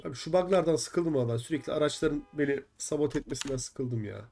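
Young male streamer, mid-range dark voice, casual and easily irritated, cursing at glitches. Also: fairly high pitch, quick pace, vocal fry. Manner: frustrated, swears often, chats with viewers. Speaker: gaming streamer. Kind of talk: live game stream chat.

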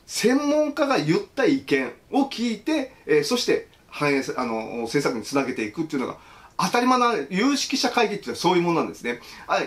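Male stream host with a fairly high voice and a very lively pitch. He reads viewer comments aloud, chats about each one and laughs often. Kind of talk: casual livestream commentary reading viewer comments.

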